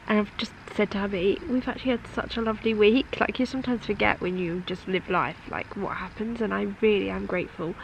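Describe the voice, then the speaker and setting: A woman's voice: medium pitch, fairly quick, gravelly, hardly any pauses. A British woman chatting to camera at home in a casual, reflective vlog. She is a mother, and she fills her speech with "like". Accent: British English. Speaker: family vlogger and mother. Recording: dull lo-fi home video with steady background noise.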